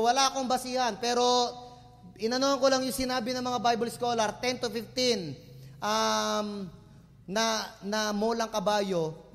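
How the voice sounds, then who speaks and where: A man preaching a sermon in a church, mixing in English and swinging between quiet asides and loud emphatic lines. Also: high voice. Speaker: pastor. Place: church hall. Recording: long church hall reverb.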